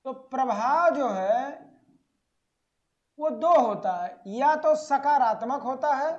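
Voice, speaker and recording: Guy teacher w a high voice drawing out key words, questions then answers em, kinda muffled recording. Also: lively intonation. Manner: asks the class questions and answers them himself; stretches out key words slowly. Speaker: agriculture exam teacher. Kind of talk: exam-prep lecture. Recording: dull lo-fi audio.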